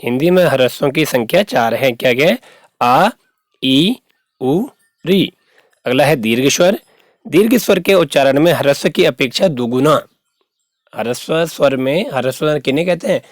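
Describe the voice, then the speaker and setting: A man's voice: mid-range voice, expressive, fairly quick, dry recording, clean studio sound. A male school teacher giving a patient grammar lesson to young students, repeating terms and asking rhetorical questions.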